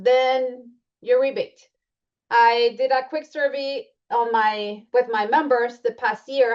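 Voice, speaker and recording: In a muffled recording, a woman with a fairly high pitch and a Colombian accent presents membership benefits while going through slides. She's chatty and often restarts or uses fillers.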